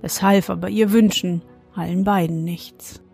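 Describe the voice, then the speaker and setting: A woman reads a fairy tale aloud at a slow, unhurried pace. Her voice is mellow and soft-edged, and her delivery is calm and measured, with faint music underneath. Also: on the low side, vocal fry, husky. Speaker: storyteller.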